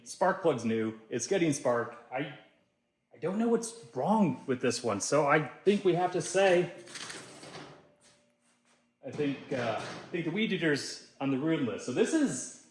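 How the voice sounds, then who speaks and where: A man hosting a casual do-it-yourself vlog, talking to himself with excitable, self-mocking energy as he tests his tools. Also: on the high side, unhurried, reverberant. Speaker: DIY video host. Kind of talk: casual vlog narration while testing tools.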